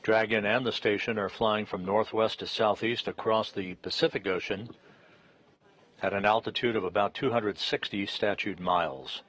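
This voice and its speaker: An American man with a fairly low voice gives live space mission commentary. He announces formally and in measured phrases, like a mission control communicator, pausing between details. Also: fairly even intonation, a bit bright, slightly rough.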